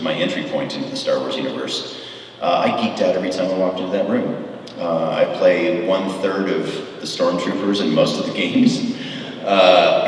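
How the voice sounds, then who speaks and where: His voice sits low, and a little hiss or hum runs under the recording. The speaker is a middle-aged man spinning enthusiastic, meandering stories with lots of fillers during a convention panel Q&A, heard from far off in an echoey, large hall.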